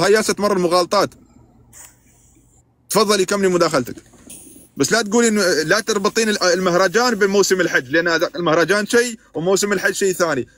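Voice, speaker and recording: A man's voice: high voice, a bit bright, no room sound. A man with an Emirati accent hosting a heated live stream, scolding and arguing with callers. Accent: Emirati Arabic. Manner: exasperated, scolding, keeps interrupting callers.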